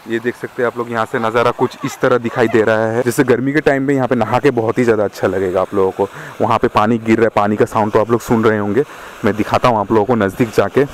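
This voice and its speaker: A man's voice: lowish voice, steady tone, fast. A young man narrating a travel vlog at a rocky waterfall, chatting and showing viewers around, with a phone camera held at arm's length. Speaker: vlogger. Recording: outdoor noise behind.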